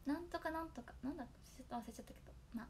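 A woman's voice: high voice, rapid-fire, darkish tone, slight background noise. A young woman chatting casually to fans, reciting tongue twisters and giggling often. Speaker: idol trainee talking to fans. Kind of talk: casual solo stream chat.

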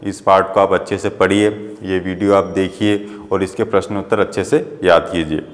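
A man's voice: sits low, flat delivery, moderate pace, long reverb tail. A male school teacher giving a grammar lesson, explaining in simple terms and often checking that his students follow him.

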